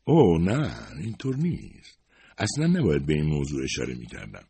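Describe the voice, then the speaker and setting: A man's voice: rumbling low, huge pitch swings, warm tone, slight background noise, exaggerated voice. A man voicing a humble, worried secretary in her fifties who talks hesitantly and apologetically. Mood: apologetic. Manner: hesitant, modest, self-excusing.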